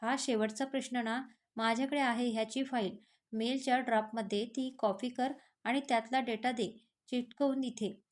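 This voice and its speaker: A woman's voice: a little high, fairly even intonation, moderate pace, natural voice. A woman voicing a young man who teases a colleague and then scolds her out of concern. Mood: teasing. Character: young man, teasing but caring colleague.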